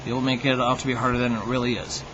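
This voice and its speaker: Racing through a comic monologue for the viewers of his own video, a man speaks with wry, mock-opinionated, tongue-in-cheek humor. His mid-range voice stays level in tone, and the audio has its highs cut off, with background noise underneath.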